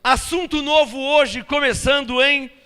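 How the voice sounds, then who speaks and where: A man's voice: extremely high pitch, steady tone, a little slow, pushed and bright. A man preaching a sermon, emphatic and full of rhetorical questions to his congregation. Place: church hall. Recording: long church-hall reverb.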